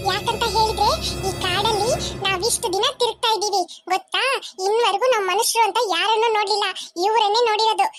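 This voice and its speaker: A woman's voice: extremely high pitch, steady tone, quick pace, loud music behind the voice. A woman voicing a clever, scheming young boy in a cartoon, talking bossily and persuasively. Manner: bossy, persuasive. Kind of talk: cartoon voice acting.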